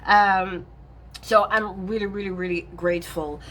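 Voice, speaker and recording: A woman's voice: medium pitch, fairly even intonation, a little slow, a bit bright. A woman talking through her tarot decks in a loose, rambling vlog chat. She backtracks and rephrases often and breaks into easy laughs. Faint room noise sits under her voice. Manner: chatty and self-correcting, laughs often. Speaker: tarot vlogger.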